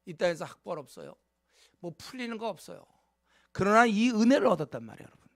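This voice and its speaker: A man's voice: sits high, sing-song, fast, fairly bright tone, dry recording, clean studio sound. A male pastor preaching a sermon, earnestly urging his congregation, with frequent fillers and direct questions to the listeners.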